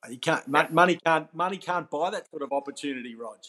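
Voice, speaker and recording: A man's voice: on the high side, fast, bright, forceful tone. An Australian man co-hosting a podcast, chatting in a wordy, teasing way. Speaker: podcast co-host. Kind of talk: bantering podcast chat.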